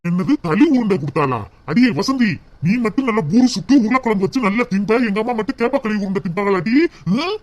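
A man's voice: high voice, animated, quick pace, hardly any pauses, background noise. A man voicing a village husband in a cartoon, torn between his mother and wife, with a southern Tamil accent. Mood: scolding. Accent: southern Tamil (Tirunelveli). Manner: pleading and scolding by turns.

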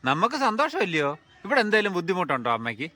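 A man's voice: high-pitched, wildly swooping pitch, fast, bright, forceful tone. A man from who runs an old age home, chatting in a coaxing, teasing and reassuring way with the elderly women there. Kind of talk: casual chat with elderly residents.

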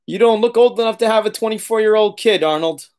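A man in his late thirties who hosts an auto body channel runs a casual livestream Q&A from the leather couch in his living room, reading chat, laughing often and swearing now and then. His voice sits high and a little mellow, and he talks fast.

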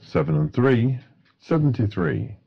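A man's voice: medium pitch, measured pace, gravelly, slightly rough, highs cut off. A man working as a bingo caller, announcing numbers in set phrases with a matter-of-fact delivery.

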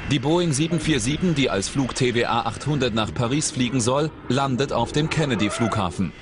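A man reading scripted documentary narration in a studio voice-over, with a measured, suspenseful delivery. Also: mid-range voice, expressive, noisy background. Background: dramatic music.

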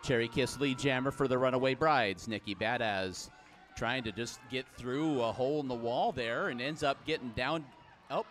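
A man calling live play-by-play, with brisk calls that jump up in pitch and loudness on big plays. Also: slight background noise. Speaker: play-by-play commentator. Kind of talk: live sports commentary.

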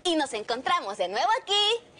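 Very high, bubbly woman host. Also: big pitch swings, brisk, heavy background noise. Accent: Peruvian Spanish. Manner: bubbly, enthusiastic. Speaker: children's program host. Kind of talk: cheerful scripted kids' TV hosting.

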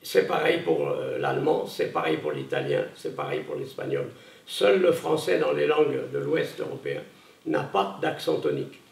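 A man's voice: medium pitch, very animated, normal speed, vocal fry, recorded from a distance. A man giving a public conference talk, hesitant, with many fillers and restarts. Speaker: conference speaker. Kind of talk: public lecture. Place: lecture hall. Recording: echoey room, voice from afar.

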